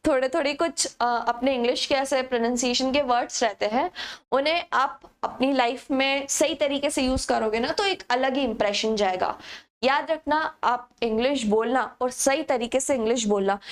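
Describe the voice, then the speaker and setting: A young woman teaching a grammar lesson to exam students, explaining patiently and answering her own questions to the class. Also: high voice.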